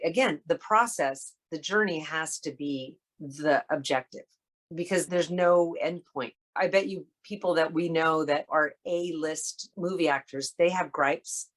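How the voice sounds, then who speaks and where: A woman guest on an interview show, telling a story in a lively way and acting out the lines of the people in it. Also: deep voice. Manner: animated, acts out quoted dialogue. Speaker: guest actress.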